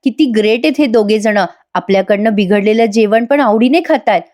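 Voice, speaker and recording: A woman voicing an easygoing, apologetic young husband with a gentle manner. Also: on the high side, brisk, close to an everyday voice.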